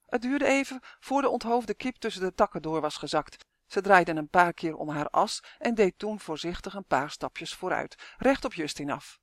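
An audiobook narrator reading a children's storybook in a lively, expressive way. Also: medium pitch, moderate pace, few pauses, no echo, clean studio sound.

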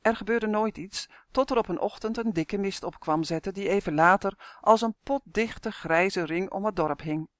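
A calm audiobook narrator reads a children's story at a steady, measured pace. The voice sits mid-range, and the recording is dry and close with no room sound. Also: medium pitch, no echo. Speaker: audiobook reader. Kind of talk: scripted narration.

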